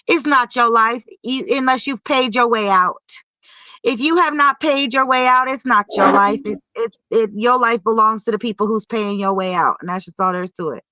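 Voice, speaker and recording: A woman co-hosting a casual chat, giving earnest, lecturing advice with drawn-out phrases. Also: on the high side, pushed and bright, no room sound, muffled recording.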